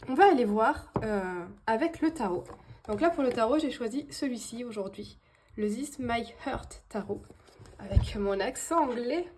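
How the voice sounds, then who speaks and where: A woman's voice: a little high, animated, normal speed, darkish tone, slight background noise. A woman giving a casual tarot reading to her viewers, hesitant, with many fillers and restarts. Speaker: tarot card reader.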